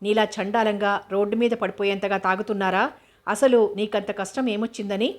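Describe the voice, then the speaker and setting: A curt, serious young man, read by a woman storyteller. He speaks in a flat, even line and sounds irritated and terse. This is an audiobook reading. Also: mid-range voice, normal speed, natural voice.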